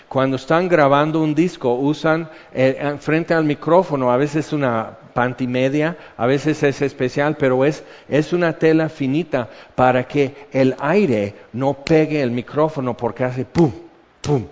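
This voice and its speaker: A man's voice: mid-range voice, a little slow, a little mellow. A man with a Mexican accent preaching a sermon as a conversational Bible lesson, explaining things in a chatty way and often checking in with "ok". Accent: Mexican Spanish. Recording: dull audio with long hall reverb.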